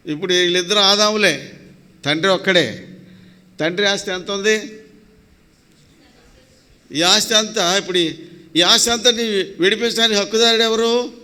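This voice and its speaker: A man's voice: sits high, bright, forceful tone. A man preaching a sermon in a prayer house, asking the congregation questions and mixing in English phrases. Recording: long hall reverb.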